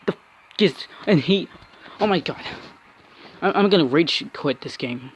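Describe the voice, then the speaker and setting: A man's voice: on the high side, expressive, unhurried, a little hiss or hum. Angry young-sounding man ranting over gameplay. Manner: frustrated ranting with frequent cursing and restarts. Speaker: mobile game player.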